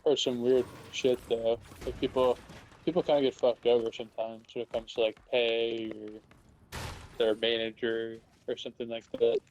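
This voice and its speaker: A man's voice: mid-range voice, little pitch movement, moderate pace, a little mellow, poor audio. A man talking in casual chat, blunt and dry, swearing freely. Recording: faint background noise.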